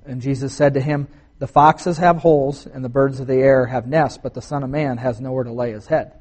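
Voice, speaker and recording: A man's voice: mid-range voice, fairly even intonation, a little fast, a little mellow. A man preaching to a congregation in a conversational style, with fillers and restarts. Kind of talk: casual sermon.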